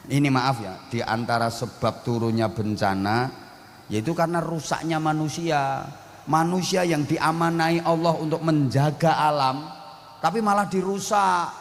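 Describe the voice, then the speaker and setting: A man's voice: on the high side, in a large hall, slight background noise. A man with a Javanese accent preaching a humorous sermon, blunt and joking, speaking outspokenly to a gathering. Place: outdoor religious gathering.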